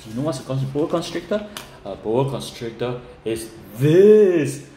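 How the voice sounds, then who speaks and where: A man's voice: mid-range voice, big pitch swings, unhurried, mellow. A man reading a picture book aloud to children over a video call, acting out the animal sounds with lots of energy. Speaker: children's storyteller. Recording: echoey room.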